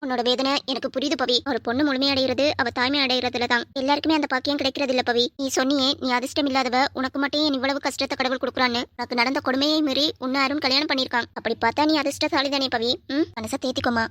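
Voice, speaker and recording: A woman voicing a calm doctor who gently reassures a patient in a cartoon drama. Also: high voice, fast, few pauses, no room sound. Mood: soothing.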